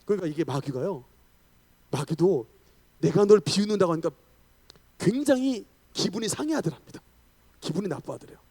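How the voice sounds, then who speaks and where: Animated high-voiced male pastor. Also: brisk, long pauses, husky. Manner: animated storytelling, shouting declarations. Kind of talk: revival sermon.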